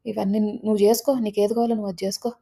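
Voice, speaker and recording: A woman's voice: medium pitch, level tone, very fast, gravelly, dark tone, breathy edge. A woman voicing a spoiled, arrogant young stepdaughter who talks rudely and scolds. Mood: scolding. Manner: scolding, rude.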